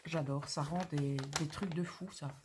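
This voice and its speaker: A woman's voice: sits low, steady tone, measured pace, noisy background. A woman hosting a craft channel, talking casually through an unboxing with gushing, exclamatory, slangy enthusiasm.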